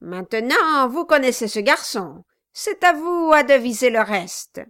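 A bullying male dwarf barks and sneers in a raised, high-set voice, as a woman reader puts him on. He is domineering and scheming, in a dry, close storybook recording. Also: big pitch swings, a little slow, no room sound, heavily acted. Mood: scornful. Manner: loud, mocking, bullying. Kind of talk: audiobook character reading.

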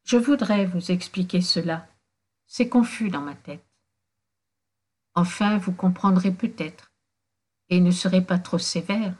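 A woman's voice: fairly low pitch, a little mellow, slightly rough. Woman reading as a contrite young drinker. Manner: halting, contrite, sad. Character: remorseful young man, a weary drinker.

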